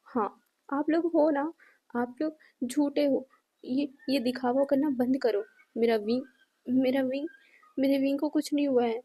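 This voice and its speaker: A woman's voice: high voice, fairly even intonation, a little slow, mellow. A woman voicing a grief-stricken young man in denial, pleading and stumbling over his words. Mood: desperate pleading.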